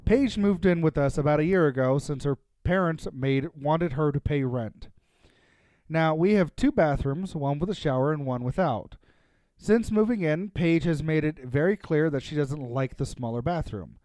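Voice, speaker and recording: A man's voice: on the high side, moderate pace, a little mellow, no room sound, studio quality. A man co-hosting a casual chat show, reading a story aloud and joking between lines. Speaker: podcast host reading stories.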